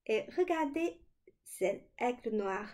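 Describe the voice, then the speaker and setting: A woman teaching children a language lesson, slowly and clearly demonstrating sounds. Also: on the high side, lively intonation, darkish tone.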